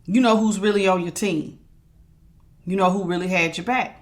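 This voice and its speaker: A tarot reader gives her viewers a casual reading in a medium-pitched voice at normal speed. She sounds strong and projecting, speaking with emphatic authority and repeating phrases to drive points home.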